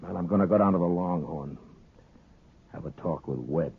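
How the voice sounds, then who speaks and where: An actor playing a steady, world-weary American marshal in a 1950s radio western, measured and laconic as he questions people. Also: low voice, vocal fry, a little hiss or hum. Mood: sober, pensive. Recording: muffled, narrow-band old radio recording.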